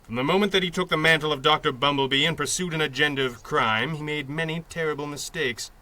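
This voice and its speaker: Bright-voiced Red Panda, earnest masked hero. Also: male voice, fairly high pitch. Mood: thoughtful, earnest. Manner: measured, articulate, earnest. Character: calm, principled masked superhero boss, thoughtful and compassionate. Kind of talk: 1930s-set radio drama acting.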